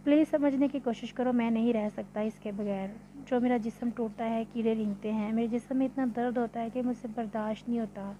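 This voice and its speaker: A woman's voice: on the high side, fairly even intonation, brisk, few pauses, dark tone, highs cut off, slight background noise, natural voice. A woman voicing a desperate young man in withdrawal in a read-aloud novel, pleading and anguished.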